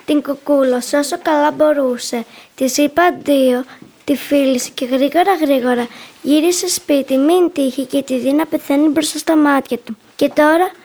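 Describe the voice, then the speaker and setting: A woman reads a folk tale aloud tenderly, leaning into the sad moments. Her voice is high. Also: creaky, darkish tone. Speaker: storyteller. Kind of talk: emotional folk tale reading.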